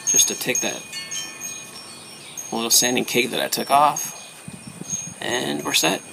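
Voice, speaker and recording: Gravelly man giving a casual hands-on demonstration. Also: mid-range voice, heavy background noise. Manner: terse, short fragmented instructions with pauses. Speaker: host of a pipe hobby video series.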